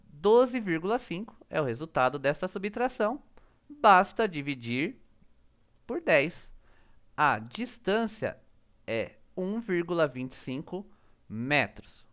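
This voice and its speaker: A man's voice: a little high, fairly bright tone. A man, teaching physics as he methodically walks through a worked problem and reads out each calculation term by term. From Brazil. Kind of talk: step-by-step worked-problem explanation.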